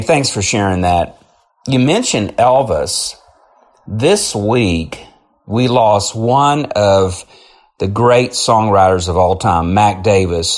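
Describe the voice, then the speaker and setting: A man hosting an interview show, introducing his guest in an upbeat, effusive way. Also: on the low side. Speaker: host.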